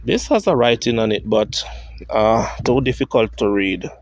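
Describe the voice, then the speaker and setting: A man with a Jamaican accent, walking through a churchyard cemetery on a vlog, reading grave inscriptions aloud and thinking out loud. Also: fairly low pitch, lively intonation, moderate pace, dry recording. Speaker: vlogger.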